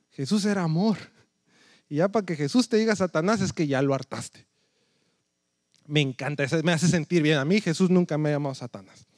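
A man's voice: on the high side, darkish tone, no room sound, clean studio sound. A man, a pastor preaching a sermon in a conversational storytelling way that keeps checking in with his listeners.

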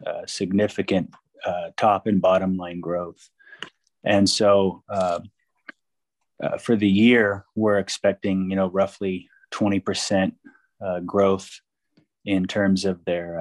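A man's voice: sits low, a little mellow, no room sound. A man speaking as an investment analyst, giving unscripted financial commentary with hesitant, qualified phrasing.

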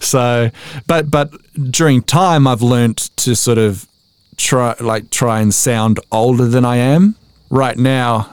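An Australian voice-over artist in his forties chats casually as a podcast guest, telling self-deprecating stories and acting out quotes along the way. His voice is on the low side, darkish, clear and resonant, and the recording is dry.

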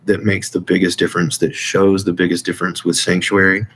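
Very low-pitched man speaking casually, earnestly. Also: level tone, a little fast, a bit bright, a little hiss or hum. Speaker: interview guest, military veteran. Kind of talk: casual conversational testimony.

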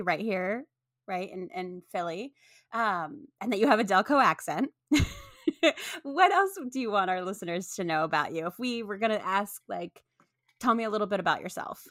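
A woman's voice: medium pitch, fairly bright tone, dry recording, studio quality. An American woman co-hosting a podcast, chatting casually and asking questions in a conversational way. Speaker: podcast co-host.

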